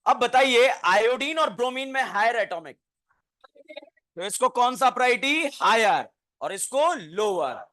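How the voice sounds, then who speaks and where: A man teaching a chemistry class, his voice pitched high for a man. He speaks slowly and drags out each phrase. He keeps asking the class questions and answers them himself. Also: lively intonation, sharp tone. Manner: dictates notes very slowly, word by word. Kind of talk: classroom lecture.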